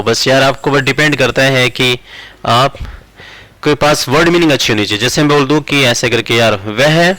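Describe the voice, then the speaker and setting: Bright male teacher. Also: mid-range voice, no room sound, rough recording. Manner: slow word-by-word dictation, repeating phrases. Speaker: English teacher. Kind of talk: explaining grammar while writing examples.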